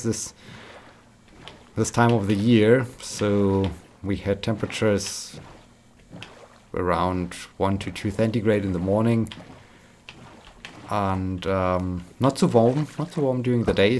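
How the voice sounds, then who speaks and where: A man's voice: fairly low pitch, a little mellow, slight background noise. A man chatting casually while playing a game, rambling and repeating words, tired but upbeat. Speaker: gaming vlogger.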